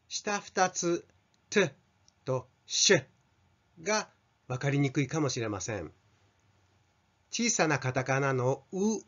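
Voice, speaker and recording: An older Japanese man teaching an English pronunciation lesson, carefully modelling sounds for students to repeat. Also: mid-range voice. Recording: slightly dull lo-fi sound.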